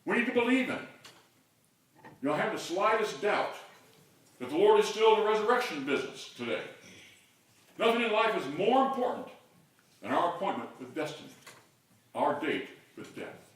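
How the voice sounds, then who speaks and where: Older guy preaching, higher voice, kinda far from the mic, big echoey church. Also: very animated, moderate pace, pauses often. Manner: builds to loud call-and-response shouts. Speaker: pastor. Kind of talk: sermon. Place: large church sanctuary.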